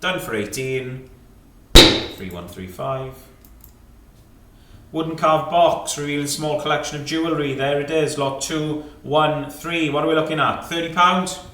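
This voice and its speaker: In an echoey indoor auction room, recorded from afar, a British man auctioning antiques calls lots and rising bids in terse numbers, prompting the room over and over. His pitch sits fairly high, his pace is measured, and his tone is bright and forceful, with a little hiss or hum present.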